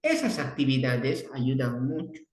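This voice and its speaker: A man's voice: lively intonation, a little slow, darkish tone. Bolivian man lecturing, echoey room. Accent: Bolivian Spanish. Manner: repeats and restarts words, acts out children's emotions with sudden high exclamations. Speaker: speech therapist lecturing. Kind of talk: online class lecture.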